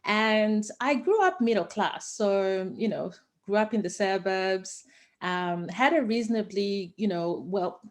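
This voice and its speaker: A woman's voice: mid-range voice, unhurried. A woman from Zimbabwe, talking enthusiastically and passionately as a guest in a casual interview. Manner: enthusiastic and passionate, with many fillers. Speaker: guest, founder of investing education company.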